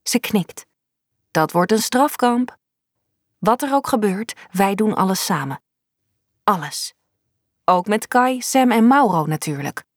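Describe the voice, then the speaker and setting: A woman reading a youth novel aloud in the first person, in an even, measured way. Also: mid-range voice, no room sound, studio quality. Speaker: audiobook narrator. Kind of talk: first-person storybook narration.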